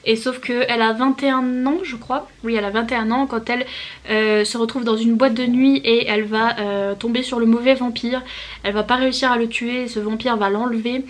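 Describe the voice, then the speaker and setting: A woman's voice: fairly high pitch, fairly even intonation, a little fast. A young woman chatting casually to camera about books, laughing often and slipping English phrases into her talk. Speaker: book youtuber.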